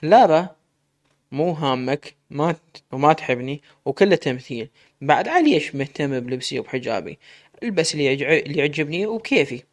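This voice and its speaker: A man's voice: a little high, expressive, a little fast, lightly acted. A man reading as a defiant young Iraqi woman. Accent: Iraqi Arabic.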